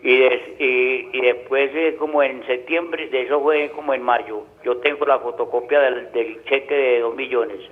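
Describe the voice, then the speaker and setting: A man with an Antioquian accent, a caller telling his problem in a halting way with many restarts. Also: medium pitch, fairly even intonation. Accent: Antioquia, Colombia. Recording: tinny phone line.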